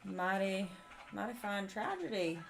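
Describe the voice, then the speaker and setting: A woman's voice: mid-range voice, expressive, unhurried, gravelly, noisy background, pitched above the performer's own voice. A woman voicing a polite country man with a put-on American country accent and a folksy drawl.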